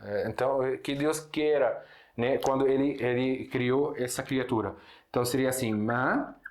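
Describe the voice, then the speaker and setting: A man's voice: medium pitch, normal speed, darkish tone. A man from Syria, a native Arabic speaker, teaching an Arabic lesson in casual Portuguese, with many fillers and restarts as he explains. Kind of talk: casual online language lesson. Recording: echoey room.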